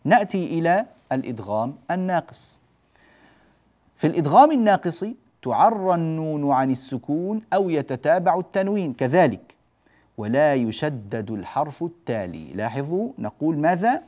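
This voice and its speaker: A man teaching the rules of Quran recitation, explaining step by step, drawing on a board, checking that the class follows, and stretching out example words slowly. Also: a little high, sing-song, dark tone. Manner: explains step by step and often asks the class "جيد؟". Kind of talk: classroom lesson on tajweed rules.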